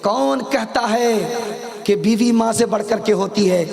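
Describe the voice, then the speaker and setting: High-voiced preacher in a reverberant hall. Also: male voice, a little slow, vocal fry. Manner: storytelling with acted quotes. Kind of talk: sermon. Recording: hall reverb, crowd audible.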